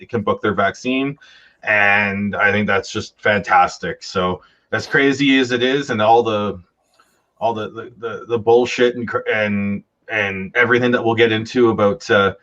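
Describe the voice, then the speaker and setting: A man's voice: lowish voice, fairly bright tone. A man from Alberta co-hosting a podcast in casual chat, rambling with many restarts. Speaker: podcast co-host. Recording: slightly dull lo-fi audio.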